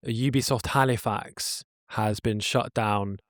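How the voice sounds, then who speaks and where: A man's voice: on the low side, fairly even intonation, slow pace, no echo, clean studio sound. A man co-hosting a podcast, talking earnestly and rambling with many self-corrections. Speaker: podcast co-host. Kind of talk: casual chat.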